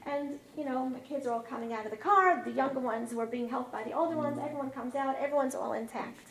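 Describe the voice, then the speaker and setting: A high-pitched woman in her thirties tells a personal story, heard from a distance in a roomy space with faint ambience behind her. She talks in a lively way and acts out the quoted lines in a raised, excited voice. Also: fast, slight background noise. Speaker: mother recounting a car accident.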